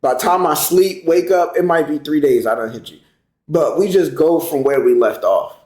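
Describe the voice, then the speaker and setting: A man co-hosting a podcast, telling stories in a relaxed, conversational way. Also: fairly high pitch. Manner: relaxed, conversational, drawn-out storytelling. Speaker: podcast co-host. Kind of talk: casual chat. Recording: roomy echo.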